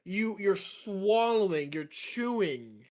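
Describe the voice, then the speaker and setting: A man's voice: high-pitched, animated, slow, a little mellow. A man acting as game master of a casual tabletop game, laughing often and stumbling over restarts.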